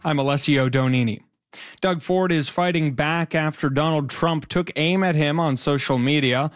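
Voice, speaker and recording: A man reading a scripted regional radio newscast in a measured, formal way. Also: on the high side, no echo, studio quality. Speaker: newsreader. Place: radio studio. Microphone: studio microphone.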